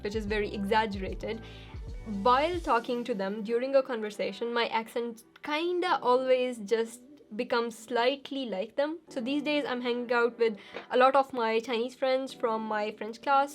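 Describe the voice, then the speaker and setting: A young woman with a slightly high voice is doing a casual Q&A vlog as a YouTuber, reading viewer questions aloud and then answering them. She is chatty and laughs easily and often, with soft music playing underneath.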